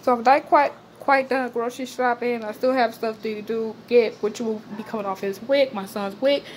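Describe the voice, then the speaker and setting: A young woman with a slightly high voice chats casually through a grocery haul, listing items one by one with plenty of "uh"s and calling her viewers "y'all". She is filmed in her home kitchen on a handheld phone, with clear noise in the background. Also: fairly even intonation, moderate pace. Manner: casual, chatty, addresses viewers as y'all, lists items with many fillers. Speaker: vlogger showing a grocery haul.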